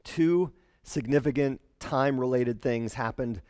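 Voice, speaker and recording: A man in his forties preaches with a headset mic. His delivery is chatty and lively, and he slips into character voices when he quotes people. The sound is dry and close, with little room echo. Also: mid-range voice, a little slow. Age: 40s. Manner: conversational, animated, acts out quotes in character voices. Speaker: pastor. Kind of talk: sermon.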